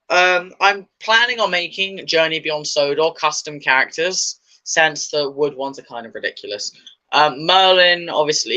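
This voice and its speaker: A man's voice: a little high, sharp tone, rough recording. A man chatting casually about his opinions, rambling and enthusiastic, with many fillers and restarts. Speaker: video host.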